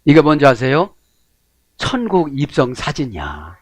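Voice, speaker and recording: A middle-aged man preaches with a slightly high voice that swoops up and down as he acts out prayers and shouts. His folksy sermon was recorded close and dry. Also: wildly swooping pitch, measured pace, dry recording. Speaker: pastor.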